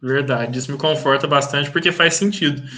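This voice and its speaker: A man's voice: mid-range voice, fairly quick, sharp tone. A man with a Brazilian Portuguese accent, taking part in a study group over a video call and speaking reflectively and openly about his own faults. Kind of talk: informal spiritual study group talk.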